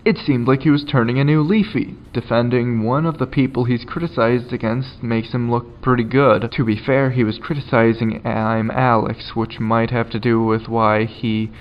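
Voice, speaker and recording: A man talking through an internet commentary video in a loose, sarcastic way, dropping swear words freely. His voice sits at an ordinary middle pitch. The audio is a little dull and lo-fi. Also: fairly even intonation, moderate pace, hardly any pauses. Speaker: commentary YouTuber. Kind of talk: casual profane commentary.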